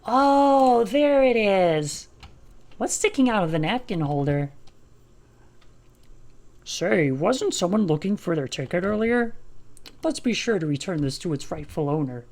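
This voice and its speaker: A woman's voice: fairly low pitch, very animated, normal speed, long pauses, a little mellow. A woman streamer giving casual gameplay commentary with wry asides.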